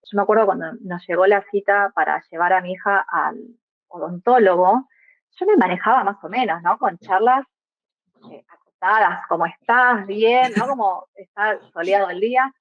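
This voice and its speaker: On a reflective podcast, the guest is a young Argentine mother who migrated, speaking in a mid-range voice at normal speed. Thoughtful and inclined to add tag questions, she has an Argentine Spanish accent, and the dry sound is phone quality.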